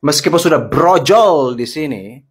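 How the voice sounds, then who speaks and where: Husky middle-aged man, slightly higher voice, sarcastic and indignant rant to camera. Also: animated, a little slow. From Indonesia. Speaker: social media commentator. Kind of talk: heated monologue rebuttal.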